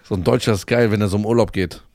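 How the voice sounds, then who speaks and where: A man's voice: fairly low pitch, fairly even intonation, very fast, a little mellow, no room sound, clean studio sound. A man chatting on a podcast as a guest, joking crudely and mimicking other people. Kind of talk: casual chat.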